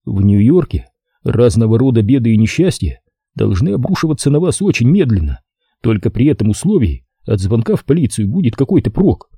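Male audiobook narrator, wry measured telling, very dark husky tone, lively pitch, dry close mic. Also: no echo. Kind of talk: first-person audiobook narration.

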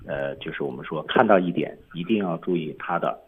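A man's voice: extremely low pitch, a little fast, breathy edge, narrow, tinny audio. A man teaching English on a radio lesson, explaining film lines step by step.

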